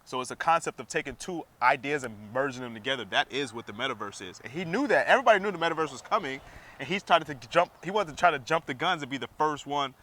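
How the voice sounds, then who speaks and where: Male co-host, casual, bright and forceful, keen to explain. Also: a little high, lively intonation, fast. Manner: enthusiastic, explanatory, laughs easily. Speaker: podcast co-host. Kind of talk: casual chat.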